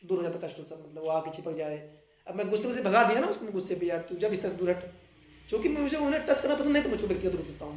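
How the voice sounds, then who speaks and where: Animated high-voiced male teacher. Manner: animated, explains with everyday examples and acted-out asides. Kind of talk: classroom lecture. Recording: echoey classroom.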